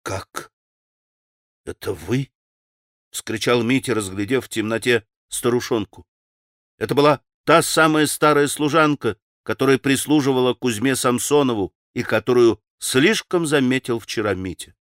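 Measured dramatic male audiobook narrator. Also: mid-range voice, fairly bright tone, no room sound, clean studio sound. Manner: measured, dramatic literary reading. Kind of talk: scripted classic novel narration.

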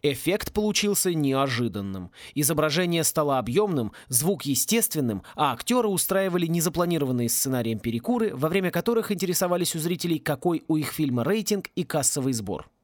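A man narrating a satirical fantasy audiobook in an ironic, lively storytelling manner. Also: fairly high pitch, fairly quick, hardly any pauses, no echo, clean studio sound.

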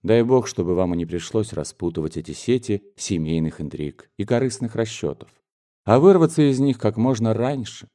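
A man reading an audiobook, voicing a brooding, bitter young gentleman in a low, restrained voice. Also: moderate pace, natural voice. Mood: earnest. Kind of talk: audiobook character voice.

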